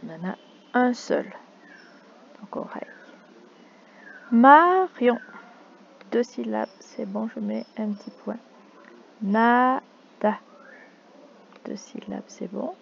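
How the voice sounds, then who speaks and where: A woman teaching young children in a slow, deliberate way, stretching out key words and syllables. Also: a little high, expressive, vocal fry, husky, highs cut off.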